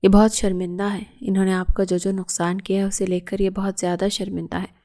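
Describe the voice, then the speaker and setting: Woman narrating an outspoken young woman, flat intonation, mellow tone, audio-novel reading. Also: mid-range voice, natural voice. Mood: earnest.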